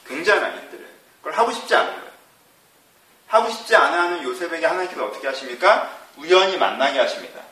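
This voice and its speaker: A man's voice: a little high, animated, fast talker, sharp tone. A man preaching a sermon as a pastor, who keeps asking the congregation questions. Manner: asks the audience rhetorical questions. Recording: echoey hall from far off.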